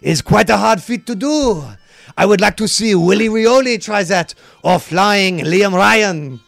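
A man's voice: high voice, measured pace, creaky, full character voice. A man playing a drunken, boastful French retired footballer with a put-on French accent, rambling and pompous. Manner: pompous, tipsy, rambling, bursts of shouting. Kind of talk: comedic podcast bit.

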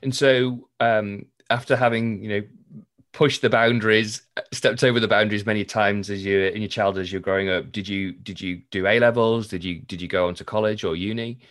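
Lowish-voiced male podcast host. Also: steady tone, brisk, a bit bright. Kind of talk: podcast introduction and interviewing.

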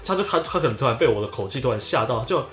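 A man's voice: medium pitch, rapid-fire, faint music behind. A man, co-hosting a casual podcast and animatedly recounting a story. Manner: animated storyteller, acts out the people in his story. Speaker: podcast co-host.

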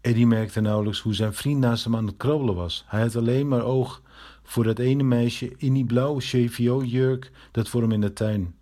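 Male storybook narrator, steady measured delivery, mid pitch. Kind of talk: storybook reading.

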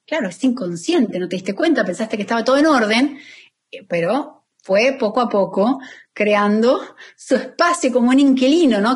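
A woman therapist, calmly explaining fear and anxiety and leading a slow, soothing breathing exercise. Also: mid-range voice. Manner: calm, soothing, slowing down for guided phrases. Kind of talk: guiding a breathing exercise in an interview.

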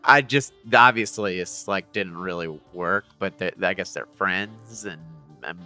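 A man hosting an in-person podcast interview in an apartment, relaxed, with short agreeing replies. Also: sits low, measured pace, soft background music. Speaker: podcast host. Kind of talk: casual interview chat.

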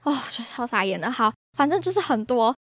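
Lively Taiwanese woman podcast host. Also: on the high side, brisk, no room sound, clean studio sound. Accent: Taiwanese Mandarin. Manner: chatty, exasperated, laughs at her own stories. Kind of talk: casual podcast storytelling.

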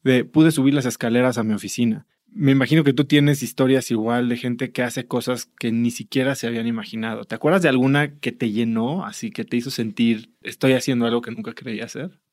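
A male interviewer asking probing questions in a relaxed, conversational way. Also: mid-range voice, brisk, hardly any pauses, no room sound. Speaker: interviewer host. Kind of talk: casual interview.

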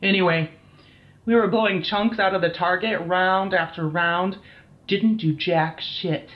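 In an audio drama, an actor plays a shaken, foul-mouthed military team captain giving a dramatised incident interview. The voice is natural and mid-range, fairly even in intonation and a little slow, blunt and weary, with a haunted, angry mood. The recording sounds slightly dull.

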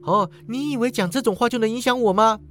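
A man's voice: very high voice, fast, fairly bright tone, voice pushed up. A man voicing a ruthless young swordswoman who speaks in clipped, accusing lines, in a storybook reading. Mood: cold. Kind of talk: storybook character voice.

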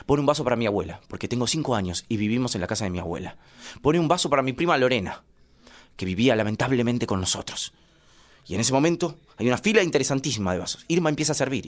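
A man with an Argentine accent telling a comic family story, playfully acting out his relatives. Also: mid-range voice. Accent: Argentine Spanish. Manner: animated, playful, acts out family members.

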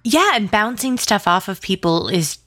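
Speaking as a guest in a casual interview, this audio drama writer and producer talks about creative work informally, gushing in tumbling asides. Her mid-range voice is bright and forceful, with lively intonation and a normal speed.

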